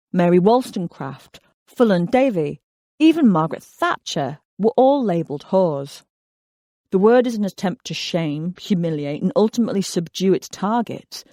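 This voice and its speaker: A nonfiction audiobook narrator reading in a measured, articulate way with wry asides. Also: mid-range voice, darkish tone, no room sound, clean studio sound.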